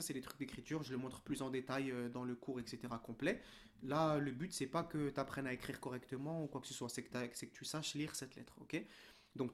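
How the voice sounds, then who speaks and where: A man teaching reading in a relaxed, informal way, checking in often and drawing out syllables. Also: mid-range voice. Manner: patient, informal, addresses the learner as tu with frequent "d'accord?" and "ok?"; drawn-out syllable demonstrations. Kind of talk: online lesson.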